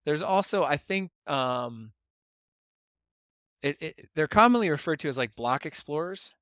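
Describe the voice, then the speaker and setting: A man's voice: on the high side, animated, measured pace, a bit bright, dry recording, studio quality. A man co-hosting a casual podcast, explaining at length and often checking in with "right?". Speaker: podcast co-host explaining bitcoin mining.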